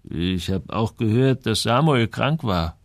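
A man voicing a hesitant, slow-spoken butcher near sixty in an audiobook. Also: fairly low pitch, lively intonation, no room sound, studio quality. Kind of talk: audiobook character voice.

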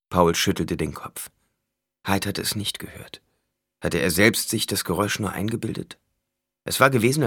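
A man narrating an audiobook in a measured, solemn reading. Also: lowish voice, fairly bright tone, breathy edge, no echo, studio quality. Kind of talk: scripted narration.

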